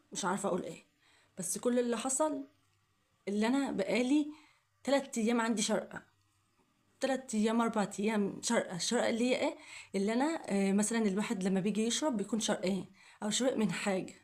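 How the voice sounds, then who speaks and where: Fast-talking upset Egyptian woman. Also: medium pitch, darkish tone. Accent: Egyptian Arabic. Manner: upset, repeating herself, pleading questions. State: coughing fits, upset. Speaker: vlogger. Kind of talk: emotional personal vlog.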